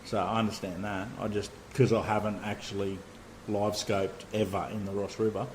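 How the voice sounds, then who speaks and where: A man's voice: on the low side, little pitch movement, moderate pace, darkish tone, slight background noise, poor audio. An Australian man talking bluntly and casually, swearing freely, as host of a fishing chat. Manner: blunt, swears, makes sound effects.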